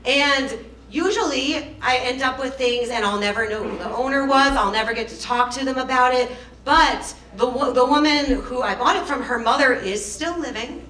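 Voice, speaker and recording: A woman's voice: fairly high pitch, pushed and bright. A woman hosting a live burlesque show, chatting with the crowd in playful, teasing stage banter. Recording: echoey live venue, distant microphone.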